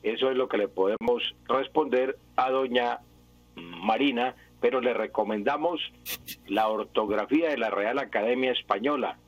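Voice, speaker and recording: A man's voice: mid-range voice, normal speed, no echo. A man who is the language expert on a radio show, patiently explaining spelling rules and repeating his examples one by one. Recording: dull lo-fi radio broadcast.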